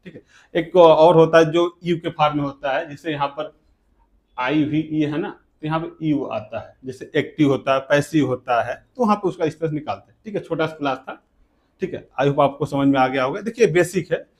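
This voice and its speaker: A man teaching an English pronunciation lesson who keeps asking rhetorical questions, answers them himself, and repeats example words slowly. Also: on the high side. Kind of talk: classroom grammar lesson.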